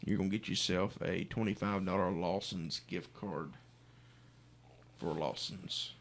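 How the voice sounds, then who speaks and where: A man's voice: deep voice, steady tone, a little slow, a bit bright, slight background noise. A man co-hosting live radio in a folksy way, giving a contest promo and chatting casually with callers. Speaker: radio co-host. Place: radio studio.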